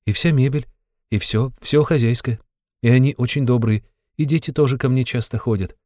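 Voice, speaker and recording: A man's voice: medium pitch, moderate pace, darkish tone, dry recording, studio quality, pitched above the performer's own voice, natural voice. A man voicing a frightened, timid young woman who speaks in a plaintive, trembling way. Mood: earnest.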